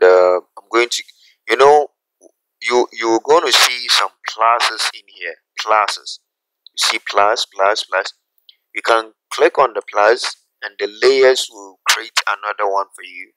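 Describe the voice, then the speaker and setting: A man teaching a graphic design software tutorial, talking through each step slowly and checking in with "okay?" as he goes. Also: on the low side, no room sound, low-quality recording. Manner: unhurried, repeats steps, asks "okay?" often. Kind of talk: screen-recorded software tutorial.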